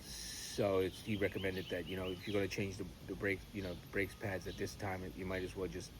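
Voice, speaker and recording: A man chatting casually in a rambling, halting way with mild swearing, as a vlogger recording on his phone. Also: sits low, level tone. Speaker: pipe-smoking vlogger. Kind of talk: rambling casual chat vlog. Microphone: phone camera. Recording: noisy phone recording with clear background noise.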